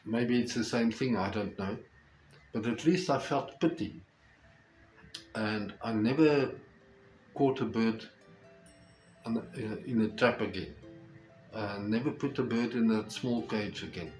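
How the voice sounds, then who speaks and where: Slow-talking older South African man, fairly low voice. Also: darkish tone, soft background music. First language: Afrikaans. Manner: halting, deliberate phrasing. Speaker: storyteller, host. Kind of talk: reflective personal storytelling. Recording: roomy echo with faint background noise.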